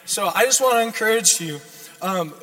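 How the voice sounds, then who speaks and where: A young man from Minnesota preaches with a hoarse, high-pitched voice. He is earnest and exhorting, keeping it informal as he checks in with the congregation. His words ring through a reverberant sanctuary. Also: lively intonation, moderate pace, sharp tone. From United States, Minnesota. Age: young adult. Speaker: guest preacher. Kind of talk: sermon. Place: large church sanctuary, speaking to a congregation.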